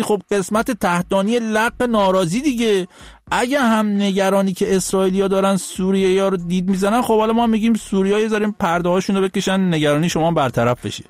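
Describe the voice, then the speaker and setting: High-voiced mocking male commentator. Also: dry recording. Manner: mocking, scolding, laughs and sings bits. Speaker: host. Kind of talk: sarcastic political commentary.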